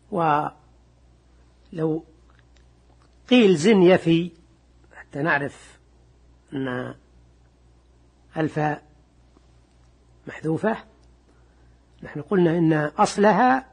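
An older man teaching a classical Arabic grammar lesson with a husky voice, measured and repeating key words, reading quoted text slowly. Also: sits high.

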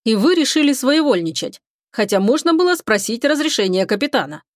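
A woman reading the part of a stern male starship captain, with measured, clipped commands. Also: on the high side, very animated, dry recording, studio quality. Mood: cold.

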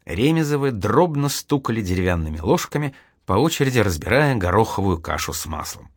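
A man with a fairly low voice narrates an audiobook with dramatic, expressive storytelling. His pitch swings widely from phrase to phrase, and the recording is close and dry, with no room sound. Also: a little fast, no echo.

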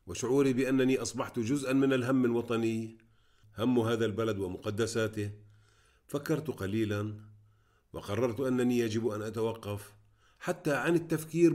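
A man's voice: medium pitch, a little mellow, natural voice. A man reading aloud, voicing an earnest young man who opens up about himself.

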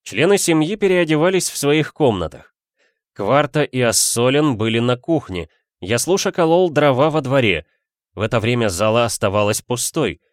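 Male audiobook narrator, even storytelling, dry close recording. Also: mid-range voice, normal speed, no room sound. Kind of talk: reading a detective story.

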